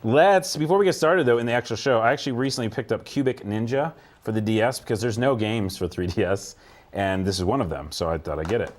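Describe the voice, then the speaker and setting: This podcast co-host has a fairly low pitch and talks fast. Chatting casually about games, he rambles, uses plenty of fillers, and laughs frequently.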